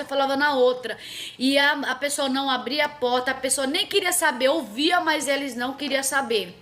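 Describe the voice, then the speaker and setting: A woman's voice: sits high, bright, forceful tone. A middle-aged woman, telling a prophetic dream as a testimony, repeating herself and calling her listeners "irmãos" again and again. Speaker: preacher.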